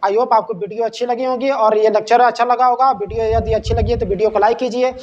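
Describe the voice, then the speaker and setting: A man's voice: very high-pitched, fairly even intonation, fast talker, darkish tone. A male English teacher with a Hindi accent who gives a lesson. He keeps checking in with his students and asks questions that he then answers himself. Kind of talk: classroom-style lesson. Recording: slightly dull sound with faint noise.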